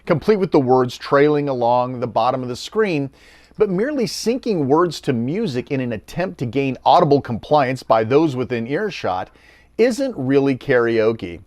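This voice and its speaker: A middle-aged American man tells the story like a scripted documentary, with a wry, personal touch. His pitch swings up and down as he goes. He is recorded close and dry, with no room sound. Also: very animated, normal speed, a little mellow, dry recording. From United States. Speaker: documentary narrator.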